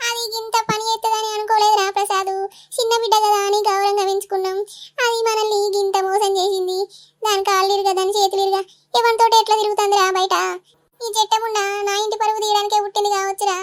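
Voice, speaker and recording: A woman's voice: very high voice, level tone, fast. A woman voicing a melodramatic middle-aged village mother in a cartoon, scolding and wailing with a Telangana Telugu accent. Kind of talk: cartoon voice acting.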